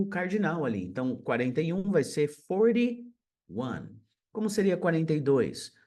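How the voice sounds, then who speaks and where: Lively Brazilian man teaching English numbers. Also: fairly high pitch. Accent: Brazilian Portuguese. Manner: explains slowly, drills numbers in English. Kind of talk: online lesson.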